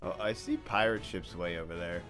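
A man's voice: deep voice, a little fast, fairly bright tone, soft background music. A young man chatting over voice chat while gaming, laughing a lot and swearing casually. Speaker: gamer in voice chat.

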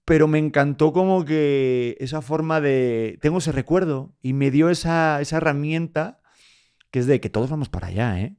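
A man hosting a podcast and chatting casually, an emotional, jokey and animated storyteller. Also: on the high side, normal speed, clean tone. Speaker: podcast host. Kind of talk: casual chat.

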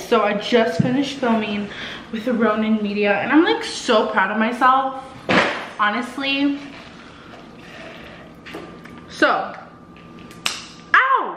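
A woman chatting casually to her camera in a vlog, giggling and laughing often as she talks. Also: a little high. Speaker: vlogger. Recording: echoey room with loud noise.

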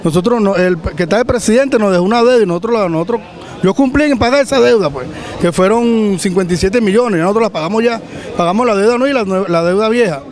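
A man's voice: high-pitched, fast talker, darkish tone, a faint crowd. A man in his thirties with a Venezuelan accent, urgently complaining in a street interview into a handheld mic in a city plaza. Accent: Venezuelan Spanish. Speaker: cooperative member. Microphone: handheld reporter mic.

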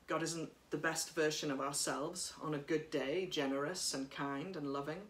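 A woman priest giving a sermon at home, speaking in a gentle, reflective way while reading from notes, recorded by a camera across a room. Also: low-pitched, steady tone, normal speed, reverberant, slight background noise. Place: living room by a bright window.

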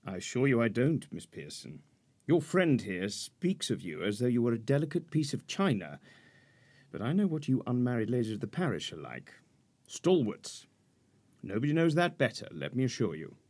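An actor playing a pompous, fussy middle-aged lawyer in a period radio drama, formal and precise about legal procedure. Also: male voice, medium pitch, big pitch swings, normal speed, a little mellow. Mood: stern. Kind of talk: 1940s-set radio drama acting.

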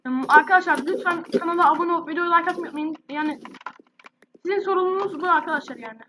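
Chatting casually about gameplay, a woman with a very high voice and an irritated, sore throat speaks rapid-fire against a noisy background. She's a YouTuber who addresses her viewers directly in a chatty way.

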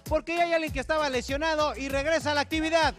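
A Mexican man hosts a TV competition in a very high-pitched, booming ringmaster manner. He addresses contestants and audience as a showman, with music playing behind him. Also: steady tone, very fast, a bit bright. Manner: booming ringmaster-style announcing. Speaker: game show host. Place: large indoor TV competition studio with pool. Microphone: handheld microphone.

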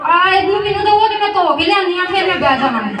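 A woman's voice: very high-pitched, lively intonation, brisk. A woman playing a grumpy lady who refuses to give up a chair, scolding bluntly. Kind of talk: church youth skit. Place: church hall stage. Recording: echoey hall from far off, loud crowd noise.

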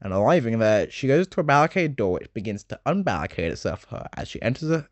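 A young man in his late teens narrating a game summary video essay, chatty and full of joking asides with dark humor. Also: medium pitch, big pitch swings, fast talker, dry recording, dull audio.

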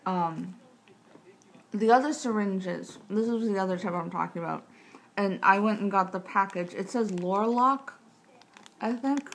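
A woman's voice: medium pitch, measured pace. A woman in her thirties chatting casually to the camera with tight-jawed speech, rambling and matter-of-fact as she interrupts herself. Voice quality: tight-jawed speech from recent jaw surgery. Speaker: vlogger sharing surgery recovery tips. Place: small living room, indoors. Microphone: camera mic at about arm's length. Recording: clear background room noise.

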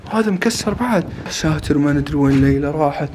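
A man's voice: on the high side, expressive, quick pace. A man with a Gulf Arabic accent giving casual family vlog commentary, talking to children and viewers in a repetitive, coaxing way. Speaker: family vlogger, father. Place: outdoors and inside an empty derelict concrete building. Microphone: handheld camera held by the speaker. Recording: faint noise, handheld camera on location.

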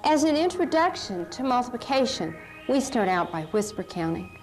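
A woman's voice: a little high, sing-song, moderate pace, a little mellow, soft background music, poor audio. A middle-aged woman presenting a simple children's math lesson, putting questions to the viewer as she demonstrates. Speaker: math teacher presenting an instructional video.

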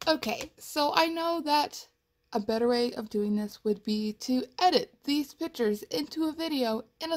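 A young woman chatting casually through her cosplay progress photos, rambling and laughing, her voice cracking a little. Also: fairly high pitch. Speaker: cosplay vlogger. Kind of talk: casual chat. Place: home, at her computer.

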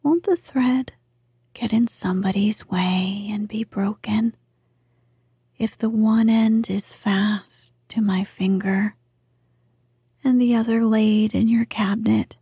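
A woman's voice: medium pitch, fairly even intonation, slow, slightly rough, no echo, studio quality, exaggerated voice. A woman whispering as an eager little princess. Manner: soft unvoiced whisper. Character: young princess, eager and affectionate girl. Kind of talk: whispered storybook reading.

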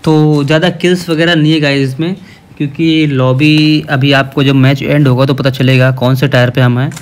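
A man's voice: mid-range voice, fairly even intonation, normal speed. A man hosting a gaming channel, casually explaining his gameplay to viewers.

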